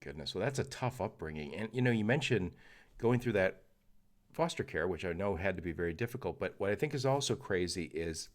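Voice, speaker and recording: A middle-aged man hosts a podcast interview in a loose, joking way, full of "uh"s and restarts. His voice sits a little low. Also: animated, fairly quick. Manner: chatty and joking, with frequent fillers and restarts. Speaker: podcast host. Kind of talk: casual interview chat.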